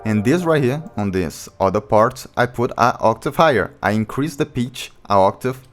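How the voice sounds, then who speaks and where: Speaking expressively at normal speed, a low-voiced music producer walks through his beat step by step in slightly non-native English. Beat music plays behind the voice in this casual screen-recorded tutorial.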